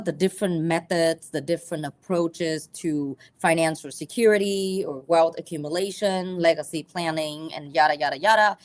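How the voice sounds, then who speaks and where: A woman from Vietnam, teaching a live personal finance class in a halting way full of ums and restarts. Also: deep voice.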